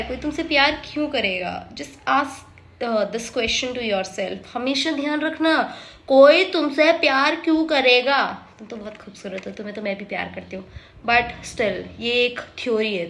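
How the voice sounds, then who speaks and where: A woman giving a casual, animated drama review, often switching into English and teasing the characters as if talking straight to them. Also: high voice, normal speed, slight background noise.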